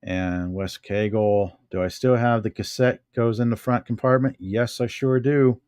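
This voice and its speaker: A middle-aged American man from the United States vlogs casually at home, showing things off and musing to himself as he handles them at an unhurried pace. His voice sits on the low side with a steady, slightly mellow, smooth tone. The recording is studio quality with no room sound.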